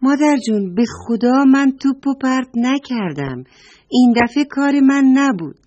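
A woman's voice: high-pitched, expressive, a little mellow, lo-fi sound, voice pushed up. A woman voicing a mischievous little village boy who pleads that he is innocent. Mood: pleading. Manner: pleading, defensive.

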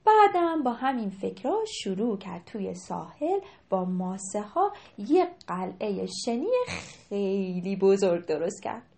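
A young woman narrating a children's story, animated and sometimes dropping to a hushed whisper. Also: medium pitch.

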